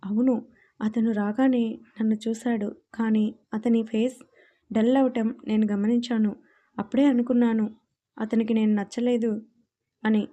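A woman's voice: on the high side, little pitch movement, moderate pace, pauses often, dull audio, lightly acted. A woman doing an outspoken, teasing young woman. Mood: amused. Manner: loud, teasing.

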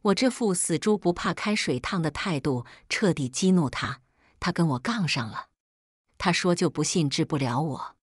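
A woman with a lowish voice tells a first-person story in a calm, even, scripted way. The sound is dry and close, with no room around it. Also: normal speed, breathy edge, no room sound.

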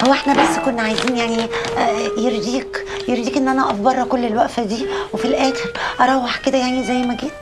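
Sex: woman. Figure: an actress as a pleading woman at an office. Pitch: high. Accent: Egyptian. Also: steady tone, very fast, over loud music, close to an everyday voice. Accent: Egyptian Arabic.

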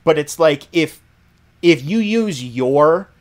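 A man's voice: a little high, lively intonation, takes it slowly. A young man in his twenties co-hosting a podcast in casual chat, easygoing and jokey, often chiming in with agreement. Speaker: podcast co-host.

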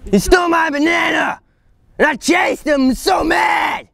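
A man voicing an enraged monkey who has been wronged, shouting every answer in a homemade comedy news spoof. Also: very high voice, creaky, voice pushed up, exaggerated voice. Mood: furious. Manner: shouting, drawn-out angry outbursts. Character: furious, ranting monkey crime victim.

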